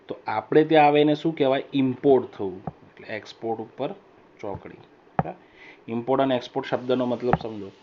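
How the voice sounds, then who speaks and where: A male teacher giving an English vocabulary lesson, reading each example sentence slowly and louder, then explaining it and checking that students follow. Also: medium pitch. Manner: keeps checking understanding with short questions. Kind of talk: recorded classroom lesson. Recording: dull lo-fi voice recorder with faint hiss.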